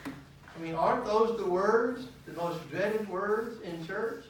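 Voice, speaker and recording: A man teaches a church Bible study in a lively way, quizzing his listeners as he goes. His voice sits a little high for a man. It is recorded from a distance in a very echoey hall, with a faint hiss underneath. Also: takes it slowly. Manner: animated, asks questions of the class. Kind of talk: teaching sermon.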